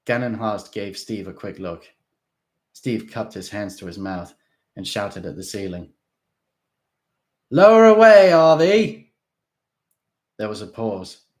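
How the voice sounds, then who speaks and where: Low-voiced male audiobook reader. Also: fairly even intonation, unhurried. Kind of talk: first-person fiction narration.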